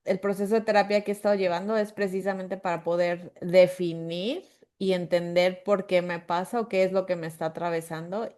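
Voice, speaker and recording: A woman's voice: fairly low pitch, flat delivery, a little fast, a little mellow. A woman with a Mexican accent, co-hosting a podcast in casual chat. She tells stories animatedly and acts out imagined dialogues with her own brain. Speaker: podcast co-host.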